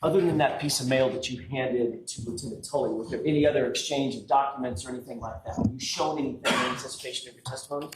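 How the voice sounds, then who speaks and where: A male defense attorney in a courtroom recording, pressing a witness with rapid-fire cross-examination questions. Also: mid-range voice. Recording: echoey courtroom audio, faint noise.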